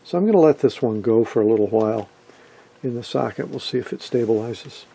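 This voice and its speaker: This middle-aged hobbyist presenter demonstrates vintage radio work hands-on from an indoor workshop bench, off camera, explaining casually and matter-of-factly as he goes. His medium-pitched voice is animated, brisk, husky and dark in tone, captured on a rough recording.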